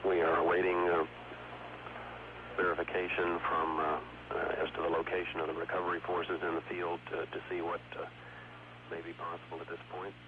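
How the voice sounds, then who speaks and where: A man giving measured, steady mission control commentary over a crackly radio loop transmission. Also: low-pitched. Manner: measured, steady status calls. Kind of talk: live launch commentary. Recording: muffled archival radio audio with loud music.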